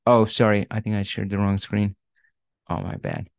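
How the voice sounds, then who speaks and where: A career coach with a lowish, creaky voice guides a student through job searching in an online coaching session over video call. He keeps a steady tone and moderate pace, talking casually with lots of fillers and frequent "right?" check-ins. The recording is studio quality with no echo.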